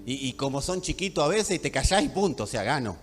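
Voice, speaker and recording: Man, Rioplatense accent, pastor, emphatic sermon, lively pitch, long hall reverb, faint music. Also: brisk. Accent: Rioplatense Spanish. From Buenos Aires, Argentina. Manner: emphatic, swings from hushed to loud, addresses congregation directly.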